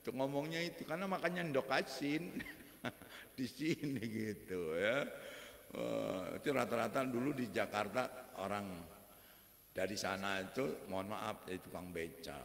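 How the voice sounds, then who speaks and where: A man's voice: lowish voice, unhurried, creaky, echoey room, long reverb tail. A man giving a dawn sermon on the radio, joking and acting out his students as he teaches. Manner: jokey, animated, mimics students and accents. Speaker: Islamic preacher.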